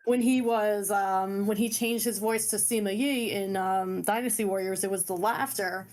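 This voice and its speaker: A woman's voice: mid-range voice, steady tone, normal speed, darkish tone. A woman co-hosting a gaming podcast in casual chat, rambling with lots of fillers. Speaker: podcast co-host.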